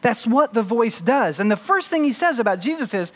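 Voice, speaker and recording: High-voiced pastor preaching in a reverberant hall. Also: male voice, big pitch swings, fairly quick. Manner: teaching, poses rhetorical questions and answers them. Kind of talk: sermon. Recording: long reverb of a large hall.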